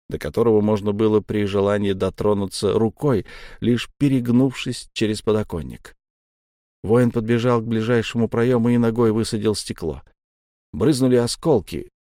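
A man reads a tense adventure story aloud, his voice dark and mellow in tone. The sound is dry and close, with no room behind it. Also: on the low side, no room sound. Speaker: audiobook narrator. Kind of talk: dramatic audiobook narration.

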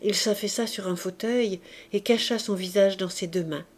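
A woman narrating a classic novel aloud in a measured, expressive reading voice. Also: medium pitch. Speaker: audiobook reader. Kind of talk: literary narration.

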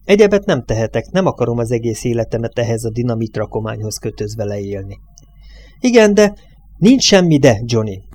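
A man reads a domineering driver who bullies his partner, coarse and impatient. His tone is dark and mellow, but the demands come out clipped and insistent, as in a spoken novel. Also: medium pitch, big pitch swings. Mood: bossy. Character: hard, bullying male truck driver.

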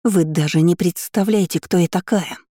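A woman's voice: on the low side, moderate pace, dry recording, studio quality, natural voice. A woman voicing a haughty, furious young aristocratic woman who spits threats. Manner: spiteful, shouting threats.

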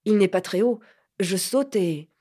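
A woman reading an audiobook voices a proud, touchy sixteen-year-old boy who answers in sharp, indignant outbursts. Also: medium pitch, measured pace, breathy edge. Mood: defiant.

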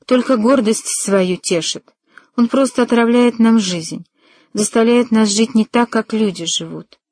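A woman's voice: on the high side, unhurried, darkish tone, no echo, clean studio sound, voice pushed up. A woman voicing a timid, fearful young woman in an audiobook, speaking anxiously and pleadingly.

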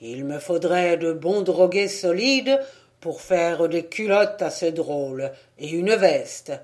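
Woman reading an easygoing country priest, firm, a little loud. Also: fairly low pitch, animated, slow pace. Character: jovial good-natured country priest, man.

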